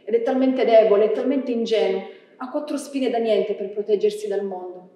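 A woman reading a gentle, sad little prince boy aloud on a theatre stage, with a soft, tender, quietly pleading delivery. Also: medium pitch, normal speed, close to an everyday voice. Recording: echoey theatre from far off.

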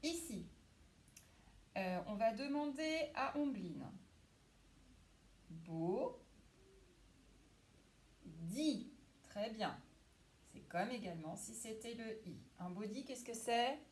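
A woman teaching a class lesson to young children, speaking slowly and clearly and praising pupils by name. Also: a little high, lively intonation. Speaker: primary school teacher.

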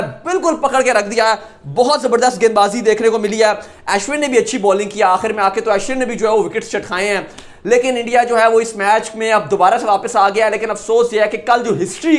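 A young man gives an animated, opinionated cricket analysis, gesturing as he talks in a small indoor room. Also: very high voice. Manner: animated, gesturing with his hands. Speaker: cricket vlogger.

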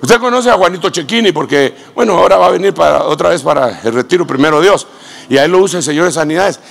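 Predicador de voz aguda y rasposa. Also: male voice, lively intonation, fast. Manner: shouts exclamations, swings from loud cries to low storytelling. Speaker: apostle preaching. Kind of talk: sermon.

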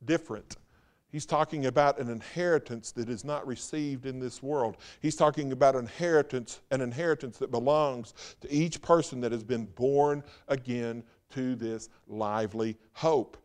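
Preaching his Sunday sermon from a church sanctuary, a medium-pitched male pastor rattles off rhetorical questions. For emphasis, he then lowers his voice to something quiet and slow.

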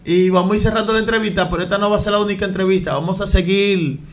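A young man hosting an interview from a studio set with a headset mic, asking long, wordy questions with flattering build-ups. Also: high-pitched, rapid-fire. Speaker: interview host. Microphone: headset mic on a stand in a studio set.

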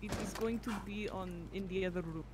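A woman gaming with friends over voice chat, giving quick callouts about enemy positions. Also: mid-range voice. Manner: quick tactical callouts to teammates. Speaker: gamer on stream. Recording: loud game noise under voice chat.

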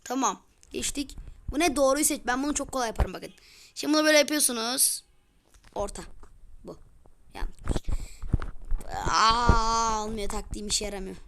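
A young woman giving casual gameplay commentary, excitable and easily frustrated, muttering one moment and crying out the next. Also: on the high side, moderate pace, gravelly, pauses often, background noise. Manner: excitable, swings from muttering to loud frustrated outbursts. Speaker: gaming video creator.

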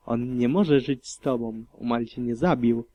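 A man's voice: mid-range voice, unhurried, mellow, dry recording, dull audio, lightly acted. A man voicing a young mare pony, a desperate, protective sister who pleads urgently, in an audiobook reading. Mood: pleading.

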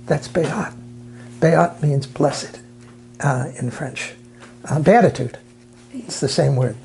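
A man in a documentary interview, talking about literature with animated storytelling and emphatic repeated words. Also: fairly high pitch, slow, vocal fry, slight background noise.

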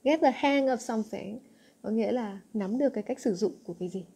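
A woman's voice: fairly high pitch, fast talker, gravelly, dark tone, breathy edge. A young woman teaching an English exam-answer lesson, coaxing her students with frequent check questions. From Vietnam.

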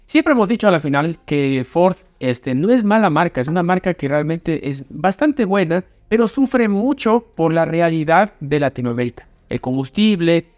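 A man's voice: a little high, animated, normal speed, few pauses, a little mellow. A young man, hosting a casual car review chat, emphatic and opinionated, often restarting his sentences. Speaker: car channel host. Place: small studio set with brick wall. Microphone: desk microphone.

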